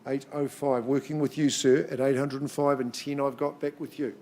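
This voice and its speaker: A man's voice: mid-range voice, level tone, normal speed, warm tone. A man working as an auctioneer at a live property auction, mixing clipped, repeated number calls with chatty patter. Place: in-room auction.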